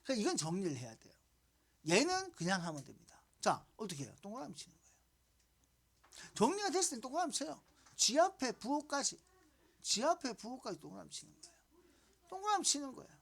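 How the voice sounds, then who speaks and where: A woman's voice: fairly high pitch, very animated, a little fast, vocal fry, husky. A woman math teacher giving a lesson, coaxing students along with repeated prompts and questions.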